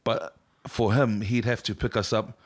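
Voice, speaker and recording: Lowish-voiced New man hosting. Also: steady tone, moderate pace, breathy edge. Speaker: host. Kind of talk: casual chat, asking questions.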